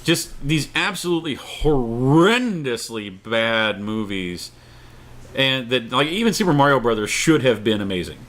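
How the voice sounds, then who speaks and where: This middle-aged co-host of a casual opinion show is very animated yet unhurried, his medium-pitched voice fairly bright. He presses his points emphatically, repeating himself for stress, while room ambience and clear background noise sit under his speech.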